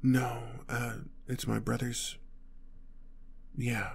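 In an intimate audio roleplay, a male actor plays a protective boyfriend on the run, speaking very slowly in a husky, creaky voice at a middling pitch with little melodic or pitch movement. Heavily acted, he stammers under pressure, sounding urgent yet tender toward his partner. The mood is calming and weary.

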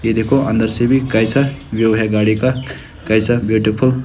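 एक जवान कश्मीरी लहजे वाला आदमी, जो फ़ोन हाथ में लेकर दर्शकों को अपना ट्रक दिखाता और समझाता है।. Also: male voice, fairly low pitch, level tone, moderate pace, darkish tone, a little hiss or hum. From Kashmir. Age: young adult. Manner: friendly, shows things off to viewers. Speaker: trucker vlogger. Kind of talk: casual vlog walkthrough. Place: outdoors beside parked trucks and in the cab. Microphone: phone camera at arm's length.

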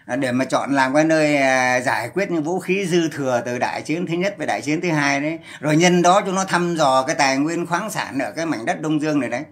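A man's voice: fairly high pitch, quick pace, few pauses. A man ranting on a livestream, scolding and cursing in a heated voice. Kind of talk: angry livestream rant.

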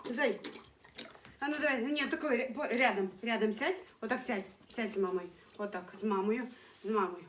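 A woman talking to her dogs in casual baby talk, mixing cooing with firm commands. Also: a little high. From Ukraine. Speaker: dog breeder. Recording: roomy, from a distance, faint noise.

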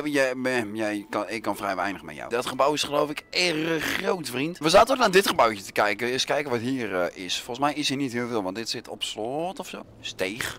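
A man's voice: medium pitch, fairly bright tone. A man with a Netherlands Dutch accent hosting a let's play, joking around and dropping English phrases and swearwords. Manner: playful, jokey, sprinkles in English phrases and swearing. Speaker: gaming channel host.

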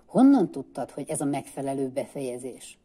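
A woman reading the part of an elderly male writer who sneezes often, speaking quietly and softly in a storybook reading. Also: rumbling low, sing-song, slightly rough, full character voice. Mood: gentle.

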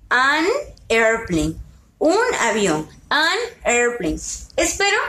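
This is a bilingual lesson for young children, led by a woman whose voice is high and very lively. Unhurried and patient, she repeats each word and asks questions. A faint background noise and plenty of echo suggest a spacious room.

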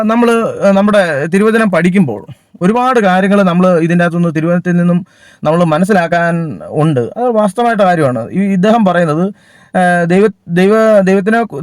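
A man delivers a sermon in a high, lifted voice, recorded close and dry with no room sound. His delivery is halting, full of fillers, pauses and restarted sentences as he works through his point.

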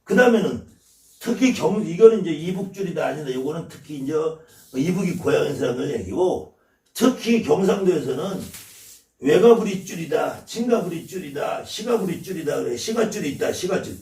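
A man's voice: fairly high pitch, animated, normal speed, a little mellow, echoey room, far from the mic. A man from the Chungcheong region, a shaman teaching his viewers, blunt and scolding and swearing freely as he lectures. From Chungcheong, South Korea.

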